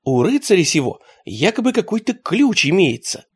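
A man's voice: sits high, sing-song, moderate pace, husky, pitched above the performer's own voice, full character voice. A man voicing a grumbling, sardonic companion, in a storybook reading.

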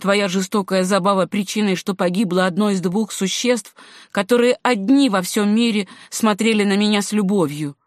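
A woman's voice: mid-range voice, moderate pace, no echo, natural voice. Storybook role: woman doing a furious hermit dwarf, bitter and fierce, dry close sound. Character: enraged male dwarf hermit, bitter and wild. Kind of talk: audiobook reading.

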